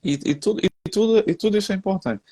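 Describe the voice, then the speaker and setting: This man's high, dark voice moves at a quick pace, recorded on a headset with no room sound. With a Brazilian Portuguese accent, he talks casually and folksily about communication, addressing listeners as "gente" and "cara".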